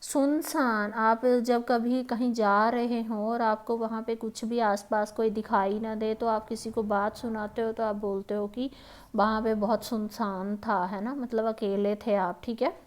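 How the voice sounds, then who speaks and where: A woman with a Himachali Hindi accent, a teacher patiently explaining exam grammar questions, pausing often and checking in with the listener. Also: fairly high pitch, little pitch movement. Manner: patient, repeats "ठीक है" and "है ना", many hesitations.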